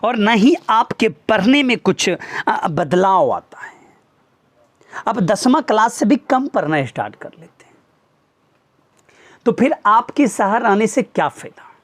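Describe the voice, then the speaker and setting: A man's voice: sits high, big pitch swings, measured pace, pauses often. A man, a teacher, earnestly lecturing his students with pointed rhetorical questions. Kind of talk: motivational talk to students.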